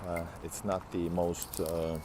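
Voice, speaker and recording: A tired man in his thirties from Latvia and Finland delivers his words flatly and slowly in a low voice, with a noisy background behind him. He is a travel vlogger live-streaming on foot on a city street next to a large building, through a wired earbud headset with the phone held at arm's length. He rambles, restarts often, and responds to chat while answering viewers.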